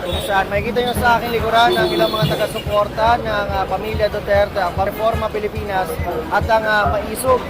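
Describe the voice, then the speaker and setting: A male Filipino field reporter with a very high-pitched voice delivers a live news report. He is out on a city street, with loud music and a noisy crowd all around him. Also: level tone, fairly quick. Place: outdoors on a busy city street. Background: loud music, crowd, street traffic.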